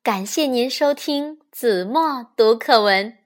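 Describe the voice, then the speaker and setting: Woman, children's storyteller, gentle, high voice, slow reading. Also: expressive. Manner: gentle, addresses listeners as darlings. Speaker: children's textbook reader, host.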